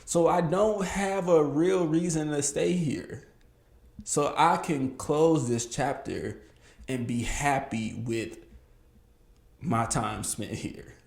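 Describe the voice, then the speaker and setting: Here a podcast host in his early thirties talks alone, casually, candidly and reflectively, with occasional bursts of emphasis. He speaks slowly in a slightly high voice with vocal fry, and the sound is roomy.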